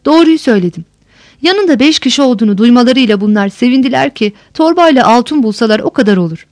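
A woman's voice: a little high, lively intonation, fast talker, a little mellow, dry recording, studio quality, natural voice. A woman voicing a frightened, beaten old male steward who pleads and rambles on. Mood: lamenting. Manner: whining, long-winded pleading.

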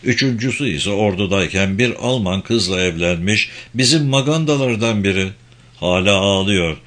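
A man's voice: lowish voice, lively intonation, moderate pace, fairly bright tone. A man voicing a captain who reports a raid over a radio in a terse, matter-of-fact way.

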